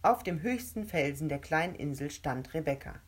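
A woman narrating a children's storybook in a calm, steady reading voice. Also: low-pitched, normal speed, husky.

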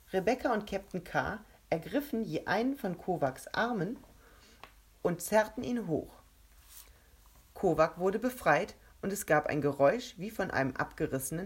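A woman narrating an adventure story aloud in a steady, measured way. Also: fairly low pitch, slightly rough.

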